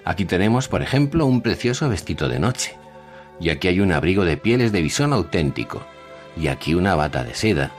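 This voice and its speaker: A man's voice: sits low, a little fast, soft background music. A man voicing a cold, persuasive, insistent grey salesman in a storybook reading. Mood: insistent selling. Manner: monotone, insistent.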